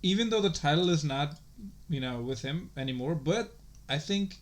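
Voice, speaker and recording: A man's voice: fairly high pitch, animated, moderate pace. A man co-hosting a podcast, chatting casually and rambling with lots of swearing and filler words. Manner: rambling, profane, full of "like" and "you know". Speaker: podcast co-host. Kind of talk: casual chat.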